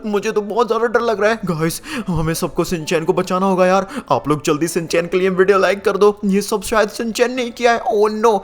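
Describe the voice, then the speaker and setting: A man's voice: sits high, fairly quick, few pauses. A young man giving dramatic gameplay commentary, gasping theatrically and constantly talking to viewers. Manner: excitable, theatrical gasps, constantly addressing viewers. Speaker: gaming YouTuber narrating as player character.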